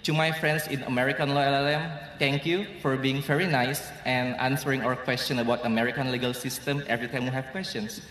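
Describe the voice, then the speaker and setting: A man's voice: medium pitch, flat delivery, fairly quick, few pauses, fairly bright tone, a little hiss or hum. A man with an Indonesian accent, giving an earnest, grateful commencement speech with light humor in a large hall. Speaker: graduation speaker. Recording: echoey hall with crowd.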